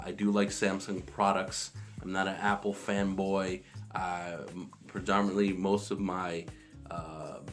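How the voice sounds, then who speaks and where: Male tech vlogger, deep voice, filler-heavy casual delivery, phone recording with bathroom echo. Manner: rambling, many restarts and fillers. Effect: echoey bathroom sound. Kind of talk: casual tech talk to camera. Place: small home bathroom. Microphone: phone camera. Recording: echoey bathroom with background guitar music.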